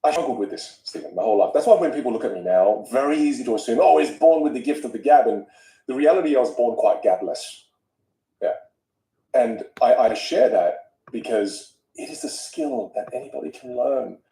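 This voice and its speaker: A man with an Australian accent, a guest speech coach whose first language is Vietnamese, talking in an animated, emphatic way. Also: mid-range voice, moderate pace. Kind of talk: casual conversation. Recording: roomy echo.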